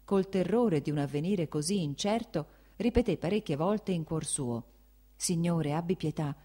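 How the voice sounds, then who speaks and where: Woman audiobook narrator, lower voice, measured literary reading. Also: expressive, dark tone.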